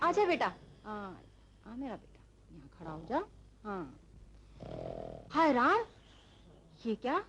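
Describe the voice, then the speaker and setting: A woman's voice: extremely high pitch, big pitch swings, brisk, fairly bright tone, a little hiss or hum, heavily acted, rough recording. An actress playing a kind, worried village woman, in 1970s film acting. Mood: fretful.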